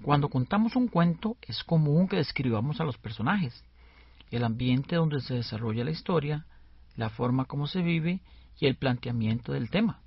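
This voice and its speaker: A man co-hosting a scripted educational radio lesson in a lively, explanatory way, on a dull lo-fi recording. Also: a little high, moderate pace, husky, no room sound.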